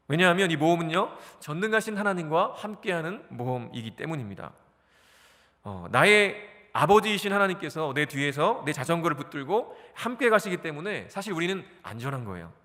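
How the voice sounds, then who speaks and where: A man's voice: a little high, long reverb tail. A male pastor in his forties giving a sermon in a church, asking his listeners questions and answering them himself. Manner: animated, asks the congregation questions and answers them. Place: church sanctuary.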